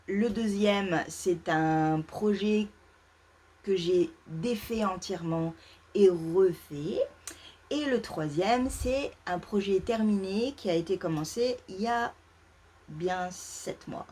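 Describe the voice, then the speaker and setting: Femme lente à la voix voilée. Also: female voice, fairly low pitch, darkish tone, husky. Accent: French. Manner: hesitant, many fillers and restarts. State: feeling too warm. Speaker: knitting podcast host. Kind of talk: casual knitting vlog chat. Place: parents' home, indoors.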